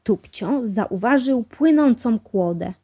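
A woman reading a children's storybook aloud in a clear, measured way. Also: fairly high pitch, animated, warm tone. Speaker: storybook reader.

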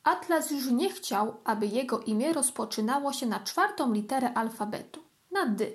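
A woman reading a storybook aloud for children in a gentle, expressive way. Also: a little high.

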